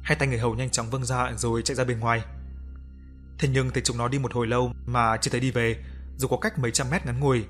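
A man narrating a scripted ghost story in a steady, grave voice. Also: medium pitch, fast talker. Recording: faint background music.

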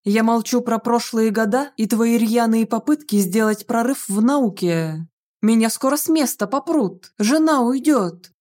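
A woman's voice: on the high side, a little slow, a little mellow. A woman voicing a stern middle-aged male academy rector scolding his daughter, exasperated.

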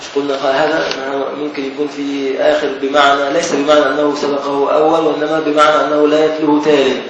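A man with an Egyptian accent teaching a classical text as a sheikh, explaining slowly, repeating key words and questioning his students. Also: fairly high pitch, completely flat delivery, lo-fi sound. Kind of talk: Islamic scholarly lesson. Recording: echoey distant recording with noise.

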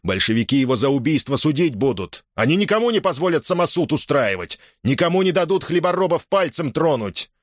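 A man reading an audiobook, voicing a fiery young frontline soldier who addresses a crowd with loud, forceful oratory. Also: on the high side, big pitch swings, brisk, few pauses, no echo, studio quality, pitched above the performer's own voice. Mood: defiant.

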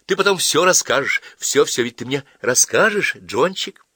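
A man reading an audiobook voices an angry, tearful teenage girl in high, shrill outbursts. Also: sing-song, normal speed, bright, forceful tone, breathy edge, no room sound, studio quality, exaggerated voice. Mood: agitated chatter.

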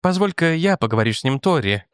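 A man voicing a kind young woman who speaks softly and politely. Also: on the high side, big pitch swings, fast talker, clean tone, dry recording, clean studio sound. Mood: soothing. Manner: soft, polite, soothing.

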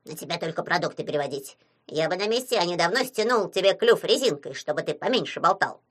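Gruff, hot-headed boy house sprite, woman reader. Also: lowish voice, expressive, fast talker. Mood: angry.

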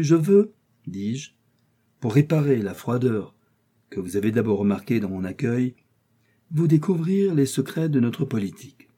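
A man reading an audiobook voices an older musketeer captain, measured, commanding and warning. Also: fairly low pitch, dark tone, husky. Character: older male musketeer captain, guarded and authoritative. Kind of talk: audiobook character voice.

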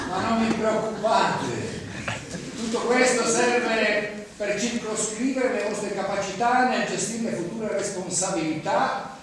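This high-voiced man draws out his words and pauses often as he plays a smug, chuckling recruiter at a job agency, full of corporate jargon. The stage play is captured from a distance, echoey and noisy.

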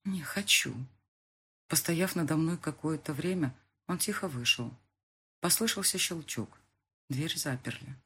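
A woman's voice: low voice, normal speed, breathy edge. A woman narrating a first-person audiobook in an intimate, emotional storytelling manner. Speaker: audiobook reader.

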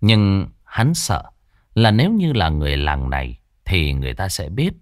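A man narrating a ghost story dramatically, slowing for suspense. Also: low-pitched, very animated, no room sound, studio quality.

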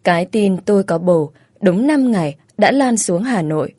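A woman reading a first-person romance story aloud in a steady, plain storytelling manner. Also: medium pitch, moderate pace, breathy edge, no room sound, studio quality. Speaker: story narrator.

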